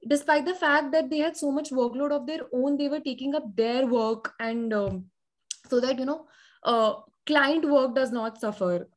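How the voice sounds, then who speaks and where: A young adult woman with an Indian accent, talking reflectively in a casual discussion with hesitant, measured phrasing. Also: sits high.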